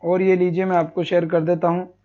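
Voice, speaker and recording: High-voiced man teaching a live class. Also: little pitch movement, a little fast, highs cut off. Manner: repeats questions and answers them himself; chatty, scolds students for being late. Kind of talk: live online exam-prep class.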